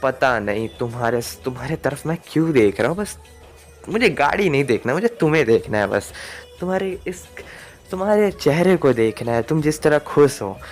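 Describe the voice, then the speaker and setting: A man's voice: fairly high pitch, expressive, moderate pace, faint music behind, close to an everyday voice. A man voicing a smitten, affectionate young man in a homemade story, close to his own voice. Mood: tender. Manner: affectionate, pleading.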